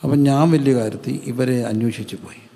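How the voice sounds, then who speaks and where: A male pastor preaching a sermon, asking rhetorical questions and answering each one himself in a lower, quieter voice. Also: normal speed, creaky, big-room sound.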